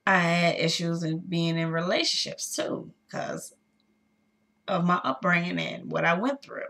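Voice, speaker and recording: A woman in her thirties speaking candidly to her viewers in a personal vlog, pausing often with fillers. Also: lowish voice, creaky, a bit bright. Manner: halting, with many pauses and fillers; candid, addressing viewers directly. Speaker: vlogger.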